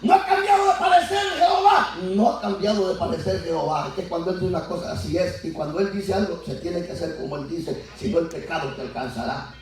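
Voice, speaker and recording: A pastor preaching an animated Pentecostal sermon to his congregation, acting out biblical voices and building to shouts. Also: on the high side, fast talker. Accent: Latin American Spanish. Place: church sanctuary. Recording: echoey church heard from far off. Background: congregation answering.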